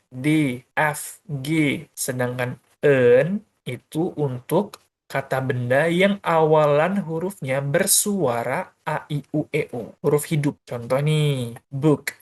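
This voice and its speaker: A male teacher giving a beginner grammar lesson, explaining step by step in a casual, chatty way and asking questions he answers himself. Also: a little high. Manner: casual and chatty, uses many fillers. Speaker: English teacher.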